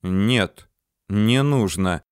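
A man voicing a steady male surveyor who speaks slowly and calmly under threat. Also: lowish voice, smooth, no room sound, studio quality. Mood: cold. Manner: slow, coaxing, calm.

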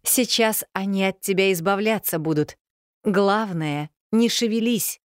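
A woman's voice: mid-range voice, measured pace, dry recording, clean studio sound, pitched above the performer's own voice, close to an everyday voice. A woman voicing an unseen woman who gives urgent, commanding instructions.

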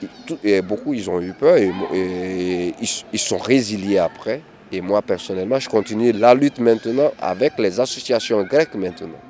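A man's voice: lowish voice, normal speed, few pauses, warm tone, slight background noise. A man, recounting his experience as a migrant activist in a hesitant interview, often restarting and repeating words. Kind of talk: candid interview testimony.

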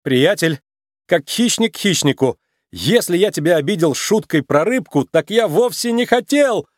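A man's voice: fairly high pitch, no echo, studio quality, voice pushed up, natural voice. Nick, a man doing a wisecracking fox. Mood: frantic. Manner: quick, joking, panicky. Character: sly grown male fox, wisecracking.

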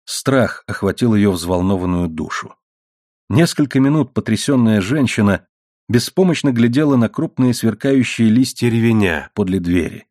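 A man narrating a novel as an audiobook, reading in a measured, steady way. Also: fairly low pitch, no room sound, clean studio sound. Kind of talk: scripted narration.

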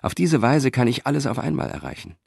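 A man's voice: medium pitch, animated, fast, vocal fry, a little mellow, husky, no room sound, clean studio sound, voice pushed up, full character voice. A man reading an audiobook, voicing a proud, ambitious middle-aged Roman senator who speaks with confident, declaiming force.

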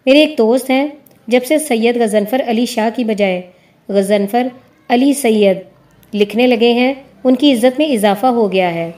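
A woman's voice: fairly high pitch, a little mellow, close to an everyday voice. A woman reading the lines of a light-hearted male friend who jokes easily. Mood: joking. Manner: joking.

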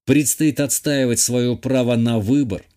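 A man's voice: medium pitch, fairly even intonation, measured pace, mellow. Man narrating an audiobook. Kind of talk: scripted first-person narration.

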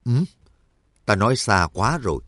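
A man reads out a self-satisfied, menacing villain who lectures with scorn for everyone around him. The voice sits low and moves with lively rises and falls. The recording is close and dry. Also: moderate pace, no room sound. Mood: smug lecturing. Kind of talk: audiobook character reading.

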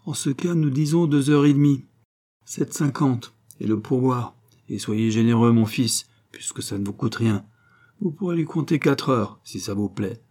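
A man voicing a rough, blunt male cab driver who bellows coarse remarks in a storybook reading. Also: medium pitch, expressive, moderate pace, dark tone, natural voice. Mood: mocking.

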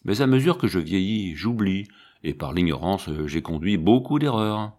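A man voicing a gentle, humble old monk who tends a convent garden, speaking in a mild, musing way. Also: deep voice, expressive, moderate pace.

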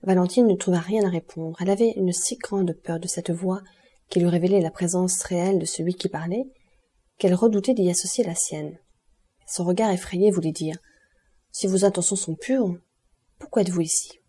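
A woman reads a classic novel aloud in a measured, even manner. Her voice is very dark and mellow, somewhat low in pitch, and a little husky. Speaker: audiobook narrator. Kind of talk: scripted literary narration.

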